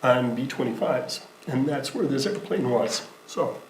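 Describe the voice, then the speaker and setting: A man speaking at a school board meeting, halting with many fillers, sometimes moved. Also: medium pitch, lively intonation. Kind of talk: meeting remarks. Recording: echoey meeting room, faint noise.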